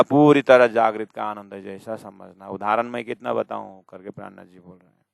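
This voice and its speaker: A man's voice: mid-range voice, gravelly, a bit bright, clean tone, no echo. A man teaching a scripture class, explaining verses one by one and arguing with imagined students. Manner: slow, drawn-out reading of verses. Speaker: spiritual teacher.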